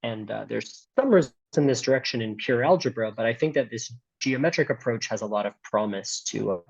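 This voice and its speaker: Hesitant American man lecturing, gravelly. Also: mid-range voice, lively intonation, a little fast, lo-fi sound. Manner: hesitant, many fillers and restarts. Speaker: seminar speaker. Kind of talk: academic math lecture.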